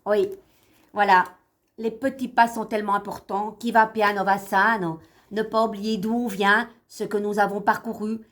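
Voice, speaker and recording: A woman's voice: mid-range voice, little pitch movement, normal speed, fairly bright tone. A woman with a slight lisp doing a casual tarot reading for her followers, chatty and encouraging, repeating phrases for emphasis. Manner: lisps, tripping over words when pleased. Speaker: online tarot card reader and host. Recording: music playing behind the voice. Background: instrumental music.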